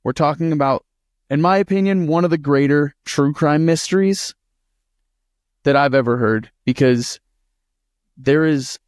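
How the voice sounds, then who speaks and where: A man co-hosting a podcast, telling a true-crime story in a casual, animated and profane way. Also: mid-range voice, no room sound, clean studio sound. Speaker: podcast co-host.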